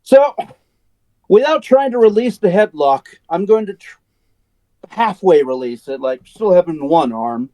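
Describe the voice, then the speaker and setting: Man, tabletop player, mellow higher voice, dry sound, eager, plans moves aloud. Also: expressive, a little slow, no echo. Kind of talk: describing moves in a tabletop game.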